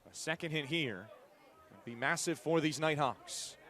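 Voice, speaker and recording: Over an outdoor ballpark crowd, a man calls the game live in punchy, clipped play-by-play phrases. His voice is a little high and fairly bright, and he's unhurried.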